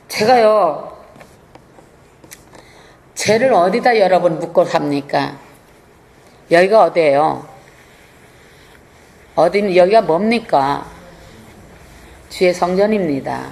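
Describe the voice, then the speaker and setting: A woman's voice: fairly low pitch, gravelly, darkish tone. A woman pastor giving an emphatic, colloquial sermon.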